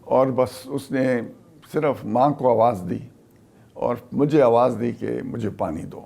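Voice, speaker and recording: In an interview, an older retired army officer from Pakistan recounts a wartime memory, speaking haltingly with many pauses. His voice is medium-pitched and steady, with vocal fry and a dark tone.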